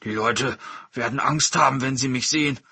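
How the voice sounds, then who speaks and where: A man voicing a big male tiger that is hungry yet gullible and soft-hearted. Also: medium pitch, moderate pace, breathy edge, no room sound, voice pushed up. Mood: curious. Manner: wondering, emotional.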